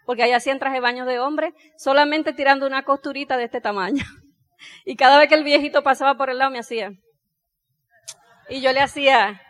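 A middle-aged woman, telling her life story in a lively way and acting out the dialogue. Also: high voice. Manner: animated, acts out dialogue, laughs while telling. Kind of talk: personal storytelling talk.

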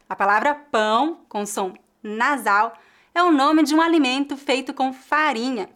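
A woman's voice: on the high side, fairly bright tone. A woman with a Brazilian Portuguese accent giving a scripted pronunciation lesson, carefully articulating and repeating each word for learners. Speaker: language teacher.

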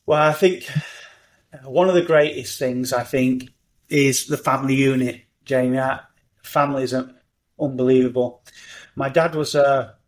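A middle-aged man, talking as a podcast guest in an animated, upbeat way. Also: medium pitch, unhurried. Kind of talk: conversational interview.

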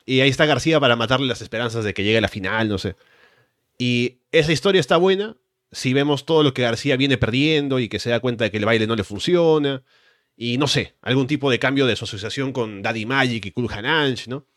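A man's voice: mid-range voice, fairly quick, a bit bright, no echo. Conversational male wrestling podcast host, dry sound. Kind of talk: conversational sports commentary.

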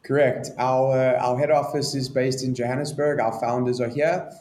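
South African man, flat and roomy. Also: medium pitch, moderate pace. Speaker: guest, business expert. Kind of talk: remote interview answers.

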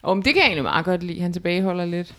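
A woman co-hosting a casual podcast, chatting playfully and reacting with quick comments. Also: fairly low pitch, animated, a bit bright. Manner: playful, quick comments, bursts into jingle singing. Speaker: podcast co-host. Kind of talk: casual chat.

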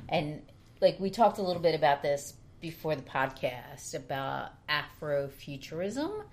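A woman's voice: low-pitched, sing-song, unhurried, a little mellow. A woman co-hosting a podcast, discussing a novel casually and hedging often with "sort of". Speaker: podcast co-host.

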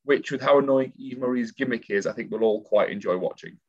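A man's voice: medium pitch, fast, dull audio. A man co-hosting a casual podcast, telling stories in a chatty way. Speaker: podcast co-host.

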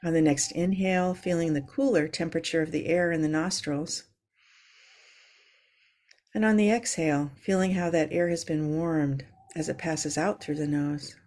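A woman leads a calm grounding meditation as host, giving slow, measured, soothing instructions. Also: sits low. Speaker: host leading a guided breathing exercise.

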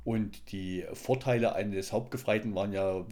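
A man's voice: fairly low pitch, steady tone, normal speed, dark tone. A man in casual podcast talk, reflective and hesitant, often restarting his sentences. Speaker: podcast co-host. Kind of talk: casual chat.

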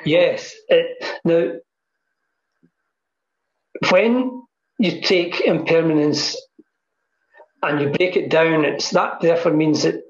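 A man's voice: a little high, slow, long pauses. A man speaking as a guest over a video call, talking thoughtfully and repeating phrases for emphasis. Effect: heard over a video call. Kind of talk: reflective interview talk on mindfulness. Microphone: computer mic on a video call. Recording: dull, echoey video call audio.

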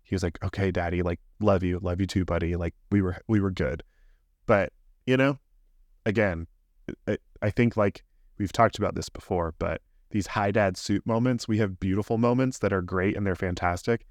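A man's voice: fairly low pitch, moderate pace, dry recording, studio quality. A man in his thirties, a podcast co-host, telling a candid, rambling story in casual chat.

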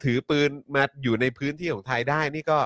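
A man's voice: medium pitch, steady tone, fast talker, a bit bright. A man hosting a talk show, talking animatedly with co-hosts and often turning to the viewers. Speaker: show host.

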